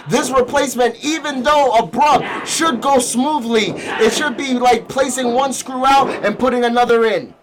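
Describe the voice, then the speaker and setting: An excitable man from Puerto Rico giving exclamatory color commentary at a live wrestling show. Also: very high voice. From Isabela, Puerto Rico. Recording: crowd noise behind live commentary. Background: wrestling crowd.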